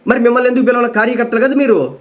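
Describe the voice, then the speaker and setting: A man's voice: extremely high pitch, steady tone, rapid-fire. A man giving an emphatic, scolding political commentary monologue, repeating his pleas.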